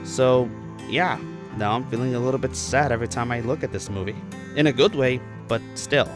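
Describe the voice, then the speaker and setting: With medium pitch and a fairly quick delivery, this man from Puerto Rico reviews a film. The narration is scripted but loose, profane, forceful and opinionated, and music runs underneath.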